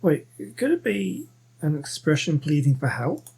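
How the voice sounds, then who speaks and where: Man commentating a game, wry jokes, very husky, dark voice. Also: a little high, big pitch swings, measured pace. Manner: wry, joking asides. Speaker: let's play host. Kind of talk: casual gameplay commentary.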